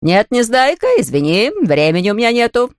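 A narrator voicing a grumpy, self-important poet in a storybook reading, irritated and drawn-out. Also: mid-range voice, animated, clean tone, no room sound, studio quality, voice pushed up, natural voice.

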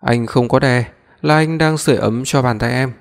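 A man's voice: mid-range voice, moderate pace, vocal fry, lightly acted. A man doing a cocky, teasing young man. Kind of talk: audiobook reading. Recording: long reverb.

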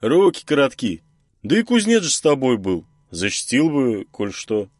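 A man's voice: medium pitch, very animated, normal speed, darkish tone, no echo, voice pushed up. A man voicing a confident man who brushes off worries in an audiobook. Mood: dismissive. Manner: brushing things off. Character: dismissive, confident grown man.

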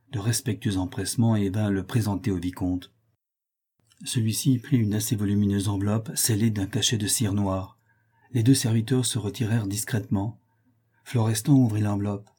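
A man narrating a classic novel in a measured storytelling manner. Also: on the low side, fairly even intonation, mellow, husky. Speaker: audiobook reader.

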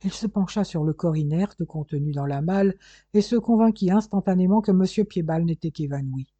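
An audiobook narrator giving a measured, expressive reading of a novel chapter. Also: mid-range voice, no echo. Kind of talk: scripted narration. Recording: dull, dry lo-fi recording.

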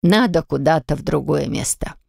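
A shrewd old grandmother in a storybook, low and gravelly, drawing her words out in a slow, knowing way, as a woman narrator puts her on. The sound is close and dry. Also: expressive, darkish tone, no echo, full character voice. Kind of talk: audiobook character voicing.

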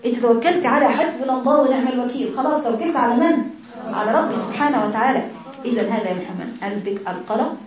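Egyptian woman, religious teacher, quick talker, rhetorical questions, booming room echo. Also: a little mellow. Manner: conversational, asks rhetorical questions. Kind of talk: religious lesson. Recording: very echoey room, voice far from mic.

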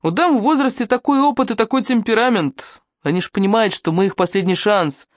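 A woman's voice: medium pitch, brisk, no echo, voice pushed up, close to an everyday voice. A brash, leering young man from an audiobook, read by a woman. He talks in a swaggering, mocking way. The sound is close and dry.

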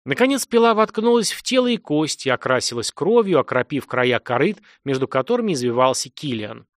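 Male audiobook narrator, animated delivery, dry booth. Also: on the high side, brisk, no echo. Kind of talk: scripted dramatic narration.

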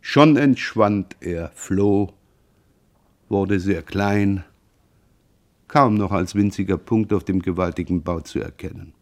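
Male radio reader, low voice, measured, expressive narration. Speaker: audiobook reader. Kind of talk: literary reading for radio.

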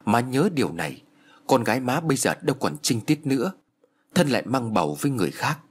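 A man's voice: medium pitch, very animated, moderate pace, husky. A man voicing a grave, pleading young village woman in a spoken horror story. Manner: earnest, pleading.

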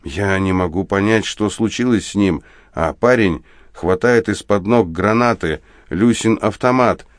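Man with a really low voice reading a war story, steady and grim, dry close sound. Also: unhurried, no echo. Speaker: audiobook narrator. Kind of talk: first-person audiobook narration of war prose.

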